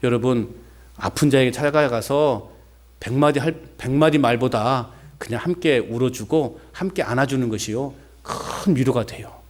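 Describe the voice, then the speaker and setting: A man preaching a sermon as pastor, animated, with folksy rhetorical questions and call-and-response with the congregation. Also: mid-range voice, normal speed.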